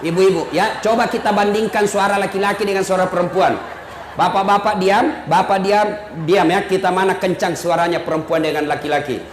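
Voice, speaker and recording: A man's voice: high voice, steady tone, brisk, roomy sound, a little hiss or hum. A man preaching a humorous sermon to a large crowd, teasing the audience and acting out both sides of little dialogues. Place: large public religious gathering.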